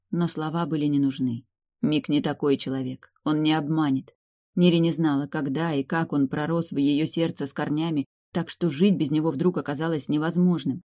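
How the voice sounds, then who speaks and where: An audiobook narrator reading a romance novel aloud in calm, even scripted storytelling. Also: mid-range voice, dry recording, studio quality.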